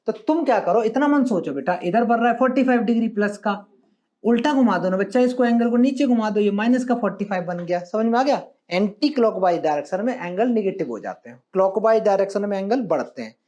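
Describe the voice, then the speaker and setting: A man's voice: high-pitched, lively intonation, fast talker, mellow, muffled recording. A male maths teacher giving a classroom lecture, coaxing his students with questions and affectionate calls of "beta" and "bachcha".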